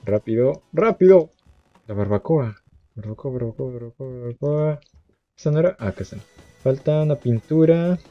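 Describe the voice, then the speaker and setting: A young man giving let's-play commentary, muttering to himself and breaking into high yelps and laughs. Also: moderate pace, no echo. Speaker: gamer. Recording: dull lo-fi sound with game music.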